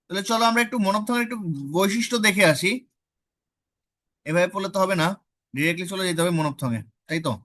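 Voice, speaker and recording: Bright-voiced woman teaching phonetics. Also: mid-range voice. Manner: quizzes students with repeated questions; models vowel sounds slowly. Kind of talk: online phonetics class.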